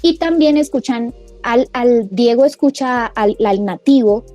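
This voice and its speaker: Warm-voiced woman explaining pronunciation. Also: a little high, measured pace, soft background music. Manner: patient teacherly explaining, sounding out example words. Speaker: language school co-founder, radio guest. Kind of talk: radio interview, explaining pronunciation.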